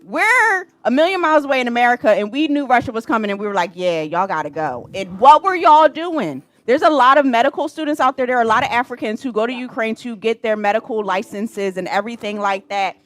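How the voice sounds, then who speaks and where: A woman on a casual panel show, asking pointed questions in an animated way. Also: a little high, quick pace, few pauses, dry recording.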